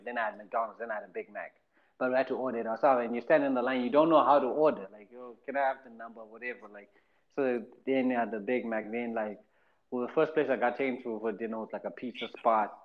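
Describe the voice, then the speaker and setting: Fast-talking Zimbabwean man telling stories. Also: medium pitch, dull audio. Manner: animated, repeats phrases, acts out quoted voices. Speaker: podcast host. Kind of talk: casual storytelling chat.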